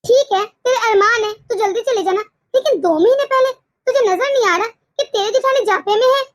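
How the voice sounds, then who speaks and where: A woman's voice: extremely high pitch, brisk, dry recording, clean studio sound. Woman voicing a bossy cartoon mother-in-law. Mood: scolding. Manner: scolding, grumbling. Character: bossy middle-aged mother-in-law, tired, controlling. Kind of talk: cartoon voice acting.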